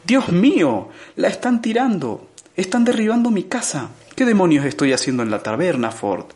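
A man voicing a flustered, indignant young Englishman in an audiobook, shouting in rising panic. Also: mid-range voice, big pitch swings, fast talker, close to an everyday voice. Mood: outraged.

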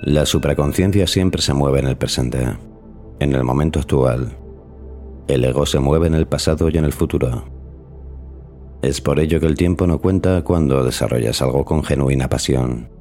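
Casting: male podcast host, very deep and mellow, formal scripted delivery. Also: faint music behind. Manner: measured, formal. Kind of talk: scripted narration.

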